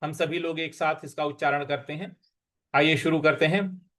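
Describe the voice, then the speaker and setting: A man's voice: fairly high pitch, steady tone, moderate pace, fairly bright tone. A man teaching scripture, patiently spelling out syllables and stresses and chanting the verses. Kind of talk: slow recitation and explanation lesson.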